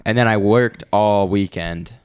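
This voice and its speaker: A man's voice: lowish voice, measured pace, a little mellow, clear, resonant tone, dry recording, studio quality. A man with congested sinuses hosting a podcast in casual chat, laid-back and griping a little. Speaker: podcast host.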